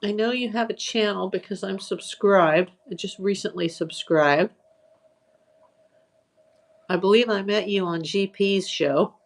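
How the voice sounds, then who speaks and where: Hours into a live online auction stream, this woman's voice is tired and a bit hoarse as she chats casually, names viewers in greeting and runs through items for sale. Her pitch is medium, and she takes her time, leaving long pauses in the relaxed selling banter.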